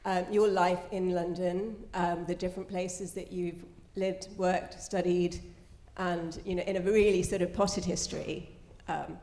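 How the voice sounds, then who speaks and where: Woman moderator, lowish voice, gracious, lots of ums, echoey theatre. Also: little pitch movement, measured pace, warm tone. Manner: gracious, with many ums and restarts. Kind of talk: live panel moderation. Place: theatre stage. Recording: roomy theatre sound.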